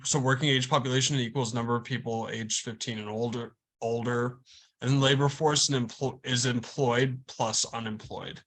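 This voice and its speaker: A man tutoring an online lesson over a video call, his voice cutting in and out on a bad connection, speaking in halting starts and restarts. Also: medium pitch, steady tone, a bit bright. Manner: slow, halting, stops and restarts mid-word.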